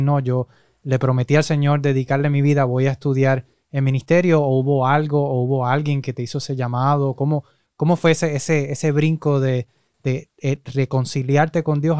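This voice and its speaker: Smooth-voiced male interviewer. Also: a little high, no echo, studio quality. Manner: warm affirming interjections, long rambling questions. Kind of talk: conversational interview.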